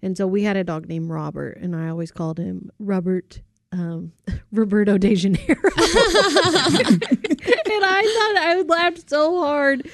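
A woman's voice: medium pitch, lively intonation, a little slow, no echo, clean studio sound. A woman co-hosting a comedy podcast, talking casually with lots of "like" and laughter. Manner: casual, filler-heavy talk with laughter. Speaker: podcast co-host. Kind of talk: casual chat.

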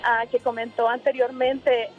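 A woman's voice: a little high, level tone, unhurried, soft background music. Woman on a tinny phone line. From Honduras. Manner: hesitant, many fillers. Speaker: caller. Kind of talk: telling a personal story on a call-in show. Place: in a moving car.

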